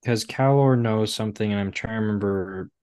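A man's voice: on the low side, a little fast, darkish tone, smooth, dry recording, clean studio sound. A man co-hosting a casual book discussion podcast, rambling with lots of "like" fillers. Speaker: podcast co-host.

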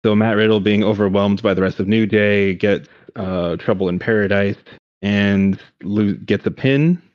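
A lower-pitched man talks fast and loose, recapping wrestling shows with excitement and plenty of cursing. His voice comes through dry and a bit dull and lo-fi, like a home podcast mic. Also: no room sound. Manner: excited, swearing, recaps matches in detail. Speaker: podcast co-host. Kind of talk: casual chat.

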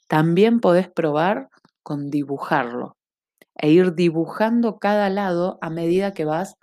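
A woman's voice: deep voice, mellow. A woman guiding a breathing lesson as an instructor, explaining step by step and checking understanding with short questions.

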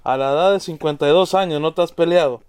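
A man's voice: on the high side, fast talker, over a noisy crowd. A man bantering casually on a podcast, joking and dropping English slang into his talk. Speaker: podcast co-host.

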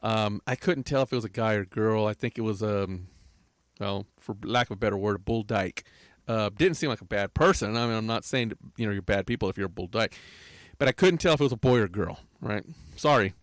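A man's voice: on the low side, a little fast, no echo. An older man telling a rambling, aggrieved story in a casual rant, often tagging his lines with "right?". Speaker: podcaster.

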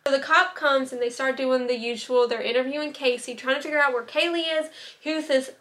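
Chatty high-voiced young woman storyteller. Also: steady tone, fairly quick, a bit bright. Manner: chatty, many "like" fillers and asides. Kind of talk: casual true-crime storytelling.

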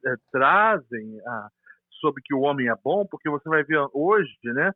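A man's voice: fairly high pitch, very animated, unhurried, no room sound. A man with a Brazilian Portuguese accent, a pastor speaking over a phone line, explaining theology earnestly with frequent hesitant restarts. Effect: heard over a phone line. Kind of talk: theological discussion on a call. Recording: tinny dry phone line.

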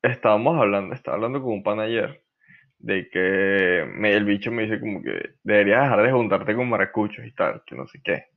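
A man's voice: lowish voice, lively intonation, moderate pace, vocal fry. A young man chatting casually with friends, rambling and slangy, telling stories. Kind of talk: casual chat among friends. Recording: slightly muffled lo-fi recording.

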